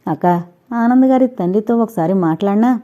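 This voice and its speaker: Brief: woman reader as a young sister, pleading and tearful, mellow tone, lo-fi. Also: on the high side, fairly quick, close to an everyday voice. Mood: resolute.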